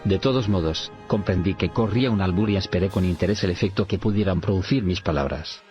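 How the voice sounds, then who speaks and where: A man reading an audiobook in measured narration, sometimes saying punctuation marks aloud. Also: low voice, darkish tone. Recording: dull lo-fi recording, faint music.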